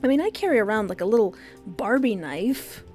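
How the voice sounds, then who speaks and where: A woman's voice: medium pitch, big pitch swings, normal speed, a little mellow, faint music behind. A woman livestreamer chatting casually and jokingly while playing a visual novel. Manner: jokey.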